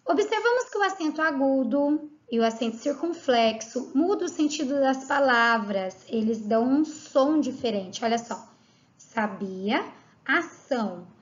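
A Brazilian woman teaching a grammar lesson to children, talking patiently and spelling each point out clearly. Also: high voice, expressive, moderate pace, hardly any pauses. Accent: Brazilian Portuguese. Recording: slightly dull lo-fi audio.

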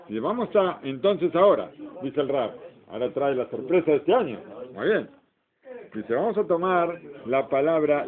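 A man teaching an informal Torah class, explaining step by step and asking the class questions. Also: a little high. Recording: tinny phone-like recording.

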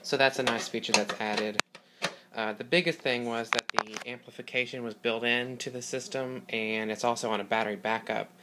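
A man hosting a casual hobby video, explaining equipment in an informal, halting way, recorded on a handheld device indoors. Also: mid-range voice, fairly even intonation, noisy background. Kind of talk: casual product demonstration vlog. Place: small carpeted room indoors. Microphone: handheld phone or camera mic.

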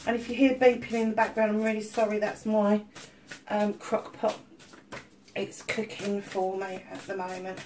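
A middle-aged woman with a mid-range voice gives a casual tarot reading at home, seated at a table of crystals in her room. She's slightly stuffy-nosed from illness and chats in a level tone at a moderate pace, full of warm-hearted asides and many ums. There's noise in the background.

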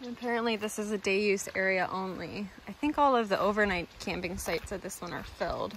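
This young woman in her twenties, a travel vlogger, talks casually to the camera on her dashboard from inside her car during a road trip. She speaks fairly quickly and expressively in a mid-range voice over a noisy background, using a handheld camera.

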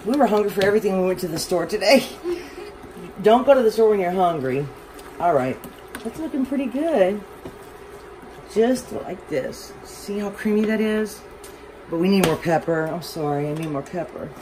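A woman's voice: mid-range voice, lively intonation, moderate pace. A woman with a Southern accent chatting casually as she cooks at home, rambling and poking fun at herself. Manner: chatty, rambling, self-deprecating. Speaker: home cooking vlogger. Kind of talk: casual cooking demonstration. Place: home kitchen, overhead camera on the stove. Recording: noisy kitchen with a loud fan.

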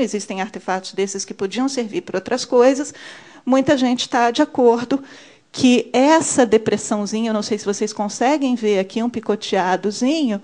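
Palestrante, 30 e poucos anos, sotaque brasileiro, voz um pouco aguda, fala pausada ao microfone de mão. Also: female voice, on the high side, darkish tone. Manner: measured, many fillers, points at slides. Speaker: archaeologist giving a talk. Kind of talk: conference presentation. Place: conference room. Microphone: handheld mic.

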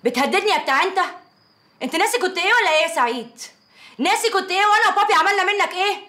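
Scornful Egyptian ex-wife, high and rapid-fire. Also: female voice, lively intonation, fairly bright tone. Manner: cutting, scornful. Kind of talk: film drama acting.

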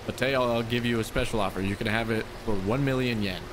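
A man plays a solemn, menacing cult devotee in a horror game. He preaches in a halting way at a middling pitch, over clear background noise. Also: natural voice. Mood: solemn preaching. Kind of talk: video game dialogue read aloud.

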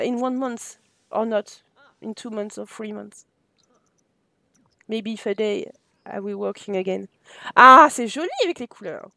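French-accented woman streamer, high-pitched and dry, chatty with viewers and game characters. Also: gravelly, a bit bright, no room sound. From France. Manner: chatty, talks to chat and to game characters, switches into halting English. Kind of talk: live game stream commentary.

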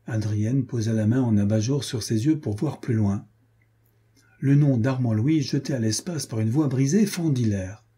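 A male audiobook narrator with a very dark, mellow timbre and a husky edge. He reads in a measured, expressive scripted narration at a middle pitch. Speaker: audiobook reader.

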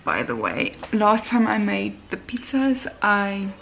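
A young woman talks directly to her handheld phone, held at arm's length, rambling casually while cooking in her kitchen and moving into her bathroom. Her mid-range voice is gravelly and a bit bright, swinging widely in pitch at a slow pace. A little hiss or hum can be heard.

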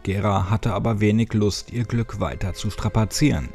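A man narrating a horror story in an expressive, dramatic storytelling style. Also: fairly low pitch, normal speed, creaky, faint music behind. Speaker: audiobook narrator.

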